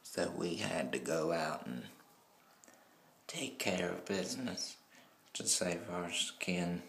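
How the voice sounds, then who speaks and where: A man slowly telling a dark confession as a first-person story, in a halting, somber way. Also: low voice, creaky. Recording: roomy echo with faint background noise.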